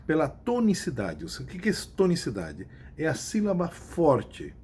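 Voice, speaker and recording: A man's voice: on the high side, wildly swooping pitch, measured pace, a little mellow, slightly rough. A man with a Brazilian Portuguese accent, teaching a recorded lesson to his class. He repeats key points and stops to check that students follow. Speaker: Spanish teacher.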